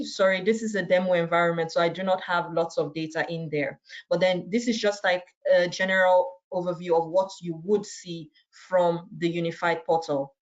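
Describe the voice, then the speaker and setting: A woman with a fairly low voice speaks over a video call, walking viewers through a software demo. Her delivery is conversational and relaxed, and she keeps checking in with "right?". The call audio sounds dull and muffled. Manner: conversational, often tags sentences with "right?". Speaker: presenter. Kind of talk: webinar product walkthrough.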